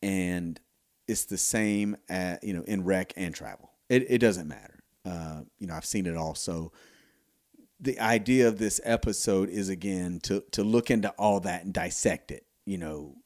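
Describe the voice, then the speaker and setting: A man's voice: sits low, normal speed, darkish tone. A middle-aged man from the United States hosting a solo podcast, talking casually and rambling with many fillers and restarts. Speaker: podcast host.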